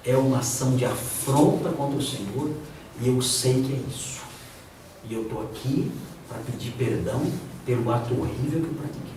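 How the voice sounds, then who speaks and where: A man's voice: mid-range voice, moderate pace. A man, a pastor, teaching a theology class in a conversational way, often acting out the voices of the people he quotes. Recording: echoey room, distant mic, noisy.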